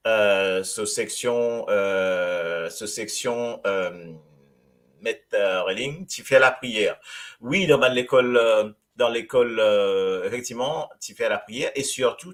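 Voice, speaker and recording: A man with a Mauritian accent hosting a casual radio talk show, talking in a halting way and often repeating words. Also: medium pitch, a bit bright. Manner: halting, repeats words, mixes Creole and French. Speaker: radio host.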